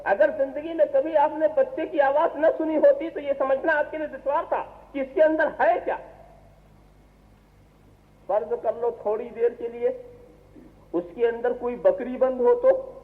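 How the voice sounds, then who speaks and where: A man's voice: extremely high pitch, animated, pauses often. A man, a religious scholar, giving a sermon, asking the audience rhetorical questions and repeating phrases for emphasis. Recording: tinny, reverberant 1970s tape of a speech.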